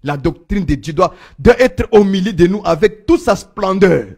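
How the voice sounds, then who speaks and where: Man, sermon, gravelly, high voice, proclaims then drops to murmurs. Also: animated, moderate pace. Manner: swings from loud proclaiming to low murmurs. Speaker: preacher.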